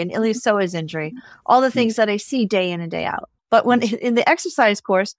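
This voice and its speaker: A woman veterinarian talking as a podcast guest, animated, often tagging her sentences with "right?" and acting out what the dogs would say. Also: a little high, no room sound, clean studio sound. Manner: animated, tags lines with "right?", acts out pets' voices. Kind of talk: casual interview chat.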